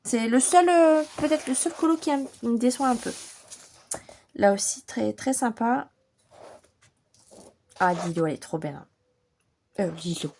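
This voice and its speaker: A French woman vlogging casually about her coloring books, chatty and enthusiastic, a little hoarse as she recovers from bronchitis. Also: fairly high pitch, animated, unhurried, pauses often, a little mellow, a little hiss or hum. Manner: chatty, enthusiastic, many fillers. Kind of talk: casual vlog chat.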